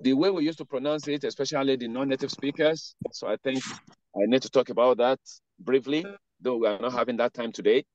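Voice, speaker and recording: A man's voice: medium pitch, fairly even intonation, darkish tone. Man teaching in a lo-fi online class. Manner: drawn-out careful pronunciation of words, then explaining rules. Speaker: Arabic teacher. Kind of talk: online class with read-after-me drills. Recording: dull lo-fi online class audio.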